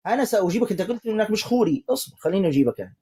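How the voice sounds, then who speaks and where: Male preacher, husky and mellow, steady and persistent with a heated caller. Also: high voice. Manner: calm, insistent, keeps telling the caller to calm down; quotes scripture in a slow recitation. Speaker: Islamic preacher debating callers. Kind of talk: live online debate.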